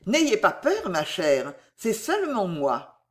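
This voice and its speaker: A woman reading aloud, voicing a kindly, portly old gentleman who is fussy and exclamatory. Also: mid-range voice, wildly swooping pitch, slow pace. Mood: flustered.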